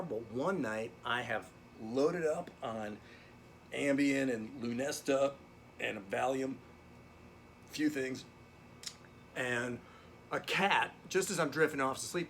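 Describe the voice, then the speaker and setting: A man's voice: mid-range voice, a little hiss or hum, lightly acted. A man playing a down-on-his-luck drum teacher who rambles through a digressive, profane story during a remote lesson. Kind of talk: comedic character monologue. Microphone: video call lesson.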